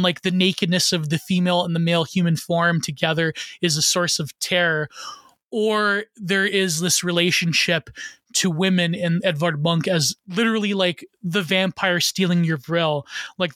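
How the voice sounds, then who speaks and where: A man with a high-pitched voice talks loosely on a podcast, rambling and restarting often. The sound is dry and close, with no room echo. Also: fairly bright tone. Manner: rambling, many fillers and restarts. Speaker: podcast guest, artist. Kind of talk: casual podcast conversation.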